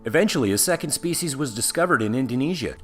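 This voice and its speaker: A man's voice: medium pitch, lively intonation, quick pace. A man narrating a scripted facts video in an upbeat manner. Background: background music.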